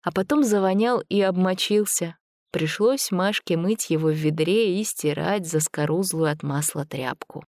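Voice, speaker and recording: Woman narrator, lower voice, measured audiobook reading, dry close sound. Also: dry recording. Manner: even, measured storytelling.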